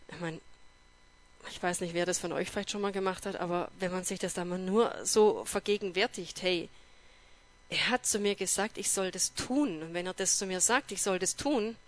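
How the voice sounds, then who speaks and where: A woman telling her personal faith testimony in a lively way, acting out dialogue and turning earnest and emotional when she reflects. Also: mid-range voice. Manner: lively storytelling that acts out dialogue.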